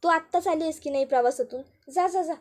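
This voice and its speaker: High-voiced woman recapping a serial. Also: fast talker. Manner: lively, retelling with quotes. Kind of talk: storytelling recap.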